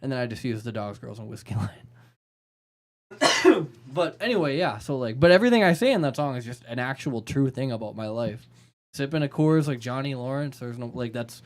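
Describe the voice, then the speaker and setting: A man chatting casually as a podcast co-host. He rambles through stories about his songwriting in a loose, joking way, full of "like" and "um". His pitch sits mid-range for a man. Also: expressive, fairly quick. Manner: loose, joking storyteller with frequent fillers. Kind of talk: casual chat.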